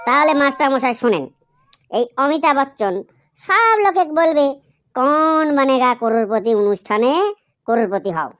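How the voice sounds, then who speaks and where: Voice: high-pitched, animated, moderate pace, a bit bright. A performer voicing a cheeky, argumentative schoolchild in a comedy cartoon, explaining things at length. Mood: mock explaining. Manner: cheeky, long-winded explaining. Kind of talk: comic cartoon dialogue.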